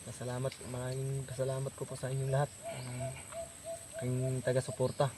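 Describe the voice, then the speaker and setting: Flat-voiced man vlogging outdoors. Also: medium pitch, brisk. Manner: friendly, addresses viewers as "tol". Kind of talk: casual outdoor vlog chat.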